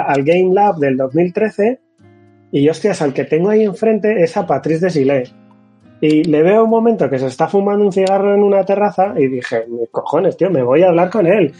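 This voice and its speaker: A man with a Spain Spanish accent, a teacher chatting on a podcast, telling animated stories, swearing casually and acting out quotes. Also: a little high. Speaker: podcast panelist and game-development teacher.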